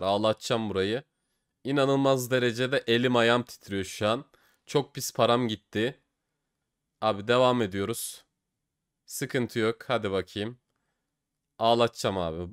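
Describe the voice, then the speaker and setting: Excitable young man narrating case openings. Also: on the low side, smooth. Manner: excitable, swings from cheering to despair, swears. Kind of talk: gaming commentary.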